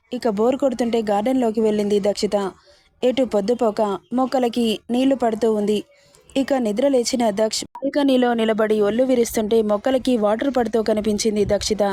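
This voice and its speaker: Mellow-voiced woman reading a romance story. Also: on the high side, dry recording. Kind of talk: scripted romance story narration.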